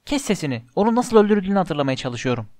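A man's voice: high-pitched, very animated, racing, a little mellow, no room sound, pitched above the performer's own voice. A man voicing a bossy know-it-all schoolgirl, talking in an urgent, commanding way, in a dry recording.

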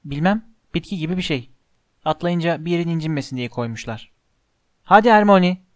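A man voicing a brave young schoolboy wizard, speaking in a calm, earnest way. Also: fairly high pitch, fairly quick, no echo, lightly acted. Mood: steady.

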